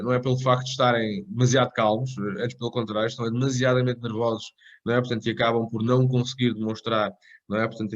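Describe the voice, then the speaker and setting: A man lecturing on a coaching course, rambling with frequent tag questions and restarts. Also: medium pitch. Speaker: tennis coach educator. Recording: dull lo-fi recording.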